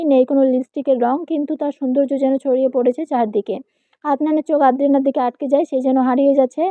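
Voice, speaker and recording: Reading all the roles alone, this female narrator moves briskly through a romantic audio story, making small slips along the way. The high voice comes through a dry, tinny, phone-like recording.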